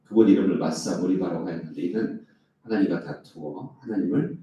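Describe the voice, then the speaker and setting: A male pastor with a low, dark voice preaches an early-morning sermon at a fairly quick pace, putting rhetorical questions to the congregation. He acts out quoted complaints in a raised voice, and the echoey hall recording has him far from the mic with highs cut off.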